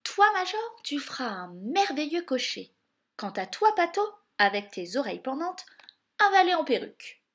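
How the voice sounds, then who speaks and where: A woman voicing a kindly older fairy godmother who murmurs softly and turns brisk and cheerful, in a read-aloud storybook. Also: high voice, big pitch swings, pitched above the performer's own voice.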